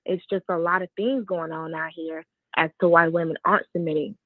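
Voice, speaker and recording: A woman's voice: fairly low pitch, fairly even intonation, a little fast, no room sound. A woman calling in over a phone line, earnestly making her point with hesitations and repeats. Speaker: caller. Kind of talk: casual call-in opinion. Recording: dry, narrow phone line.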